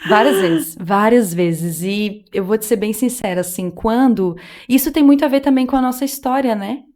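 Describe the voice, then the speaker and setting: A woman's voice: a little high, fairly quick, warm tone. A woman guest, telling her faith testimony in casual chat, earnest and emotional, acting out remembered dialogue. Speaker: podcast guest.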